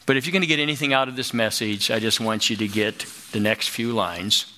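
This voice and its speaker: A middle-aged man preaching a sermon, slow and emphatic, rising to loud exclamations. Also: lowish voice, a little hiss or hum.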